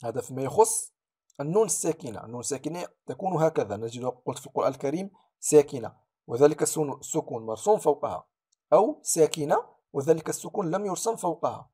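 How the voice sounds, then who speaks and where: A man teaching the rules of Quran recitation to students. He sounds out each example slowly and then contrasts it with the wrong reading. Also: fairly high pitch, animated, dark tone, breathy edge. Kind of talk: explaining tajweed rules to students.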